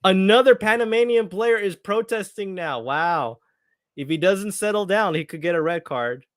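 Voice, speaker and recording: A man hosting a live soccer watchalong for his viewers, talking excitedly and slipping into when emotional. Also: on the high side, clean tone, no echo, clean studio sound. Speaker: watchalong host. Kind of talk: live match commentary to viewers.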